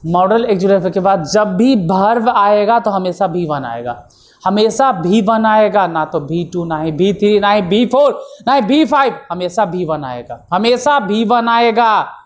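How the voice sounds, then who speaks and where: A woman's voice: mid-range voice, lively intonation, measured pace. A woman teaching English grammar in an informal lesson. She hammers points home by repeating them and scolds learners in mock disbelief. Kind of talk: informal classroom-style lesson.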